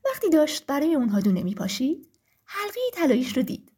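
A woman narrating a children's farm story in an expressive, sing-song reading style. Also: high-pitched.

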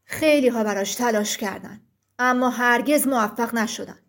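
A woman voicing a huge stone giant who gives slow, solemn warnings in a thick deep voice. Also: a bit bright. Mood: stern warning.

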